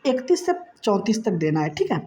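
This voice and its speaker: A woman's voice: medium pitch, big pitch swings, a little fast, mellow. A woman teacher going through exam questions in a chatty, explanatory way, often checking in with "okay". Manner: explains answers conversationally, repeats "ठीक है". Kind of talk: exam-prep lesson. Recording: dull lo-fi sound.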